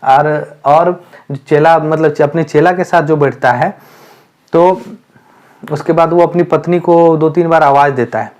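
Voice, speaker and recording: A man with a fairly high voice walks students through a story for an exam. He explains each line slowly, circling back and repeating himself with plenty of fillers. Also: fairly even intonation, a little mellow. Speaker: teacher.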